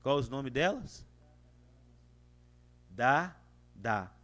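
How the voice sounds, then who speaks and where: A man with a Brazilian Portuguese accent preaching a sermon, calling his listeners "amados" and swinging widely between loud and soft. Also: drawn-out words. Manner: addresses listeners as "amados", animated with big swings of pitch and volume.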